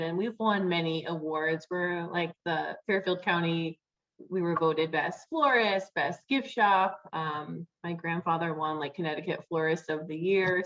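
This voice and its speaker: A woman's voice: low-pitched, fairly bright tone, highs cut off. A young adult woman, a florist guest on a video call, talking casually with many "like"s and "um"s. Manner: chatty, many fillers like "like" and "um".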